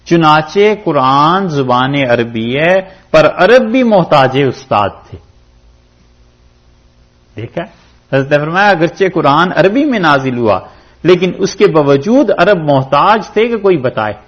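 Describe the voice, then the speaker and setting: Pakistani-born guy lecturing on scripture, voice swings all over, pitched a bit high, muffled old recording. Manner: animated teaching, rising and dropping for emphasis. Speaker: Islamic scholar lecturing on Quran commentary. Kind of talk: religious lecture.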